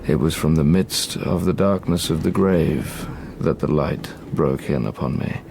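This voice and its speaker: An actor playing Victor Frankenstein, an obsessed, haunted young scientist, speaking with formal, literary intensity in an audio drama. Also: male voice, rumbling low, unhurried, creaky, darkish tone, slight background noise, full character voice. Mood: grave, intense. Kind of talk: audio drama acting, first-person narration and dialogue.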